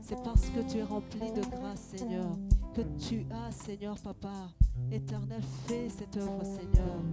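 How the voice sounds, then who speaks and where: A church interpreter leading prayer, repeating the Lord's name between each phrase, in a sanctuary. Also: male voice, sits high, steady tone, measured pace. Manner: repeats "Lord Father" between every phrase, rising to fervent. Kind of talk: fervent prayer and sermon interpreting. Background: soft guitar playing.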